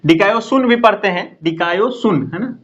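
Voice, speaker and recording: A man's voice: high-pitched, animated, a little slow, muffled recording. A man teaching an exam-prep lecture. He explains step by step, repeats key terms and keeps checking in with "है ना?".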